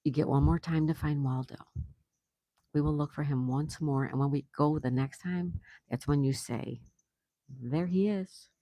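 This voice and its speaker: An older woman chats her way through a livestream, reading comments from viewers and laughing along. Her voice is warm and mellow, recorded close and dry with no room around it. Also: sits low, measured pace, dry recording. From South Florida, USA. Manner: chatty, reads comments aloud, laughs often. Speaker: livestream host reading chat. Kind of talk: casual live-stream chat.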